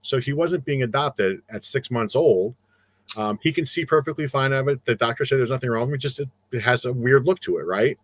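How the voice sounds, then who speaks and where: A man's voice: medium pitch, fairly quick, no room sound. A middle-aged man with a New Jersey accent, chatting casually as a guest and rambling with many fillers and restarts. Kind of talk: casual chat.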